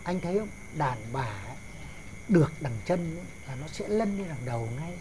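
A man's voice: a little high, lively intonation, brisk, darkish tone, a little hiss or hum, close to an everyday voice. A man, playing a bossy older father-in-law who lectures in a slapstick sketch. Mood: lecturing.

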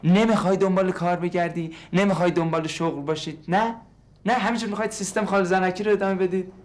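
A man's voice: sits high, steady tone, close to an everyday voice. An actor playing an irritable, sarcastic man who snaps at his nosy neighbors. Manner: sarcastic, snapping. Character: irritable, fed-up young man painting. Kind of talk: sitcom acting.

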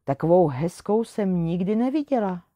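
A woman voicing a sweet, eager seventeen-year-old princess who speaks in a bright, eager way. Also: fairly low pitch, lively intonation, dry recording, clean studio sound, close to an everyday voice.

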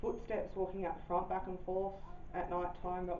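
Woman, low voice, hesitant short phrases, dull recording with faint hiss. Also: little pitch movement, normal speed. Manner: lists her experiences in short hesitant phrases. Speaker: house resident. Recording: echoey room, dull mic, faint hiss.

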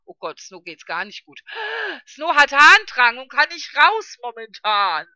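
Woman, let's player, casual gameplay commentary, chatty, high voice, very bright tone. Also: very animated, unhurried, no room sound. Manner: chatty, talks to viewers, frequent laughs.

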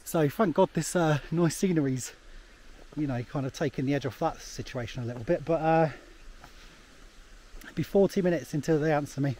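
Man in his thirties vlogging on a hike, fairly high voice, rambly chat, faint wind outside. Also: a little fast, long pauses, dark tone. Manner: rambling, chatty, laughs often, many fillers. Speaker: travel vlogger. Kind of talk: casual vlog chat while hiking. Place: snowy mountain path outdoors. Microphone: camera held at arm's length.

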